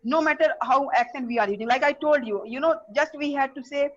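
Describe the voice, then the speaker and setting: A woman with an Indian English accent shares advice in a casual group discussion, her voice high and her delivery earnest, full of fillers and restarts. It sounds like a phone voice note, dull and lo-fi. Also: a little fast, slight background noise. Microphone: phone voice message.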